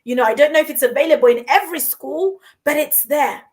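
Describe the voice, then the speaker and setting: Woman, from Uganda, high voice, earnest, encouraging, podcast host. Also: quick pace, a little mellow. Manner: earnest, encouraging, repeats words as she goes. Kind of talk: conversational podcast talk. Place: London.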